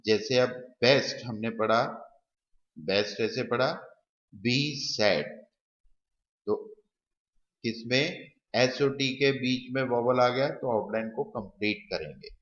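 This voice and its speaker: A man teaching shorthand step by step, talking slowly and repeating the example as he writes them. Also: mid-range voice, a bit bright. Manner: slow, repeats example words while writing. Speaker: shorthand tutor. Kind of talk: slow step-by-step lesson. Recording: dull, roomy recording.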